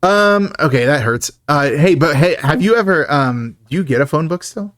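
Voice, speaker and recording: A man's voice: on the high side, expressive, normal speed, a bit bright, no room sound, studio quality. A man co-hosting a podcast, recapping a film in a chatty, joking way and laughing often. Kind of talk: casual chat.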